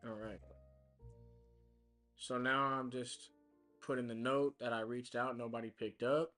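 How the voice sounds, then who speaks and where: A man's voice: medium pitch, fairly even intonation, measured pace, pushed and bright. A man live streaming his cold calls, chatty and full of fillers as he explains what he's doing. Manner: chatty, explains as he works, many fillers and restarts. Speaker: real estate caller livestreaming his work. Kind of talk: casual live stream talk. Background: music.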